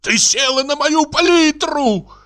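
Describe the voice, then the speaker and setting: A hot-tempered, pompous painter who rants in a raised, lively voice, as a male reader puts him on. He sounds exasperated and theatrical. It is a storybook reading. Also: fairly high pitch, moderate pace, voice pushed up. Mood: shouting. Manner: exasperated, shouting.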